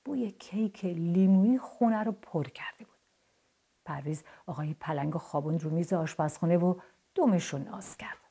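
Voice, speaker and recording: A woman reads a children's bedtime story in a soft, hushed, gentle manner. Her voice sits low and mellow, with a breathy quality.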